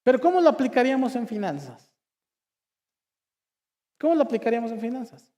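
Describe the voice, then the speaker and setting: High-voiced pastor preaching in a hall. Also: male voice, sing-song, fairly quick, warm tone. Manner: call-and-response, asks the crowd to repeat; humorous storytelling with asides. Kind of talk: lively sermon. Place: church hall.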